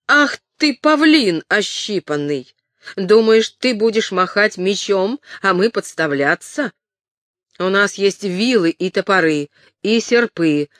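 A reader voicing a coarse peasant village headman with a thin, shrill, harsh voice. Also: animated, slow pace, a bit bright, no echo, clean studio sound. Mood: furious.

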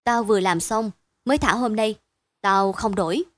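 A woman's voice: medium pitch, normal speed, no room sound, lightly acted. A woman voicing a caring older brother in a bedtime story, speaking plainly and reassuringly. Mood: steady.

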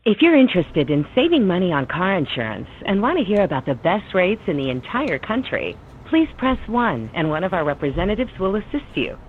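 A woman's voice: on the low side, sing-song, brisk, few pauses. Tinny recorded phone message, a woman's voice. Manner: polite, upbeat sales delivery. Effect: recorded automated phone message. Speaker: automated phone menu voice. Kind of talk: scripted telemarketing prompt. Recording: tinny phone line with faint hiss.

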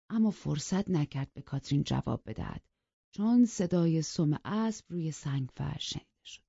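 A woman narrates a classic novel in a measured, even storytelling voice pitched on the low side. The sound is dry and close, a little dull and lo-fi. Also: gravelly, husky, dry recording. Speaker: audiobook narrator.

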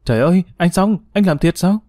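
A man voicing a tender, playful young woman in an audiobook romance, speaking softly and teasingly. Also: medium pitch, animated, brisk, dry recording, studio quality, lightly acted. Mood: alarmed.

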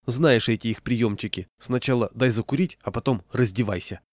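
A man's voice: medium pitch, normal speed, a little mellow, no echo, close to an everyday voice. A man voicing an anxious, chatty wife who keeps giving worried warnings. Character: anxious wife, middle-aged woman, fussing.

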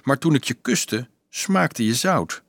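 Man reading as a teasing young male student, mid-pitched, dry close sound; storybook role. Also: expressive, slow, fairly bright tone, no echo, exaggerated voice. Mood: wry. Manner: light, teasing, evasive.

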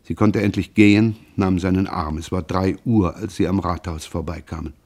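A man narrating a classic novel as an audiobook, in a measured, unhurried literary manner. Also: low voice, fairly even intonation, darkish tone.

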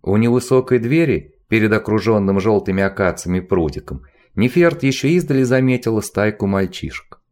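Lively, low-voiced male audiobook narrator. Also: brisk. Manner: expressive, even-paced storytelling. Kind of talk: audiobook reading of a novel.

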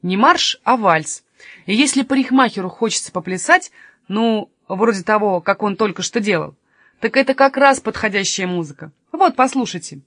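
A woman's voice: mid-range voice, animated, moderate pace, fairly bright tone, no room sound, studio quality. A woman voicing a boastful, good-natured male robber who plays music, in a children's storybook reading. She speaks with a proud, hearty manner.

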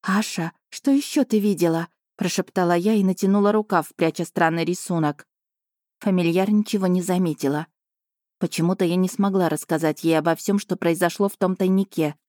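A woman narrates a first-person fantasy audiobook in an even, lightly wry manner. Her voice sits on the lower side for a woman, and the recording is dry and close. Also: moderate pace, no room sound.

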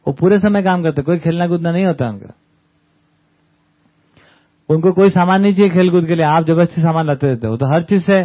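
Brisk but pausing often, a camp speaker with a slightly high voice chats with a study group and regularly checks in using small tag questions. The talk takes place in a camp hall before an audience, captured with tinny, phone-like sound.

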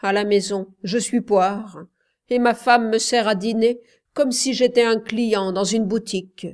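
A woman voicing a stubborn coal miner who speaks slowly, harshly and heavily. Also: a little high, fairly even intonation, close to an everyday voice. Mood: grim. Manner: slow, harsh, heavy.

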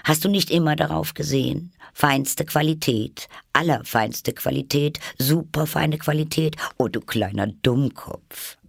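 A man's voice: fairly high pitch, measured pace, gravelly, few pauses, dry recording, studio quality, pitched above the performer's own voice. A man reading a storybook aloud, voicing the rude, contrary Hatter who teases in a smug tone. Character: rude, triumphant mad Hatter.

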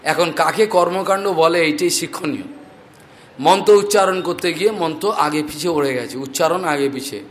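A male preacher giving a scripture discourse, reciting Sanskrit mantras and telling animated stories. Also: a little high, moderate pace.

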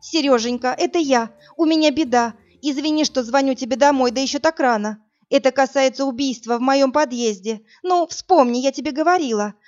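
Audiobook woman voicing a desperate young woman, tearful, raised high voice, slightly muffled recording. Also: fairly quick, hardly any pauses, a little mellow, soft background music, close to an everyday voice. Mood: pleading. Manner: tearful and pleading, then screaming in anger.

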